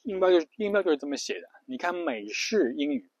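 A man's voice: on the high side, lively intonation, fast talker, no room sound, highs cut off. A man giving a casual spoken lesson on pronunciation, repeating himself often, with words. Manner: repetitive, lots of fillers and restarts, spells letters out. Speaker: English pronunciation teacher.

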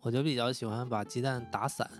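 A man's voice: mid-range voice, fairly even intonation, brisk, faint music behind. A man, chatting casually in blunt, colloquial phrases. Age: 30s or older. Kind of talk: casual podcast chat.

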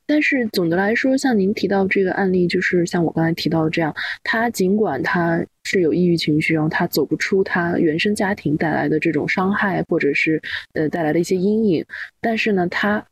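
A woman with a low, husky voice sums up a guest's case in a calm, measured way. The recording is close and dry. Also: no echo. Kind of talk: podcast interview.

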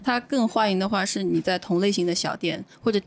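A woman chatting casually on a podcast, telling stories in a quick, chatty way. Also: medium pitch. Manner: fast, chatty storytelling. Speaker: podcast co-host.

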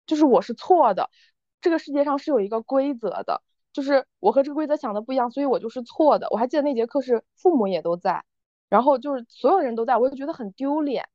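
Woman, podcast co-host, casual chat, animated storyteller, rapid, dull dry recording. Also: high voice, no echo. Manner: animated storytelling, acting out quoted people.

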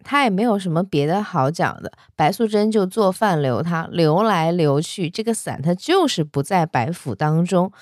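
A woman retelling an old legend in a casual spoken style, lively, acting out the characters' lines by shifting her pitch. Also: no echo, studio quality. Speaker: storyteller.

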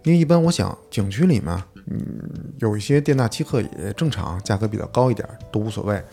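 A man co-hosts a podcast in a deep, mellow, gravelly voice. He tells a long story in casual chat and acts out the quarrel with heat. Faint music plays under the talk. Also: fast talker. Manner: animated storytelling, acting out an argument with restaurant staff. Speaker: podcast co-host.

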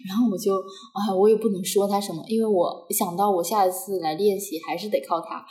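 Animated young woman telling a story in an echoey room. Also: mid-range voice, fairly quick, over a noisy crowd. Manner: animated, laughing often, acts out quotes. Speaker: podcast host. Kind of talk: casual storytelling chat.

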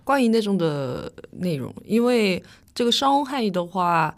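A woman's voice: medium pitch, big pitch swings, normal speed. Young Korean-accented woman, foreigner speaking Mandarin. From South Korea. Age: young adult. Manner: foreigner speaking Mandarin in short, simple, searching phrases. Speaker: guest, international student. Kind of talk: casual interview chat.

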